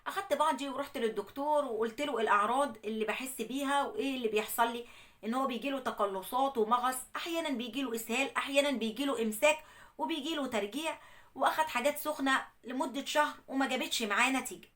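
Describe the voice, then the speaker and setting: A woman with an Egyptian Arabic accent narrates a viewer's personal story as the show's host. Her voice sits high and the words come quickly. She keeps the telling lively by voicing what each person said. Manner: animated retelling with quoted dialogue. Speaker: host retelling a viewer's problem. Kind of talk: storytelling monologue.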